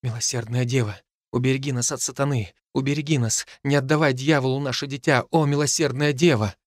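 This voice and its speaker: A man's voice: a little high, moderate pace, fairly bright tone, dry recording, studio quality. A man reading an audiobook voices a desperate, pregnant young noblewoman who pleads frantically. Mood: whispered prayer.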